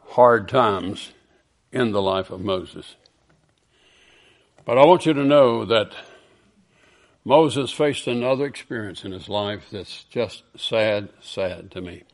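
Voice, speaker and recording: A man preaching a sermon, moving from hushed storytelling to loud, impassioned peaks. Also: fairly low pitch.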